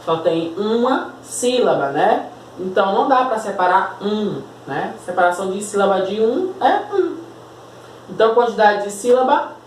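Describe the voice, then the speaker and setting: A Brazilian woman teacher with a mid-range voice and Brazilian Portuguese accent gives a recorded remote lesson, patiently spelling out words and checking in with tag questions. The room is echoey, her voice is a bit far from the mic, and there's slight background noise.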